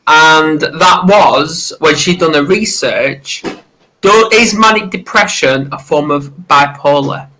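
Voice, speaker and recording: A male co-host leads a relaxed interview, speaking slowly and playfully. His voice is bright and forceful and sits a little high for a man. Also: low-quality recording. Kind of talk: casual interview talk.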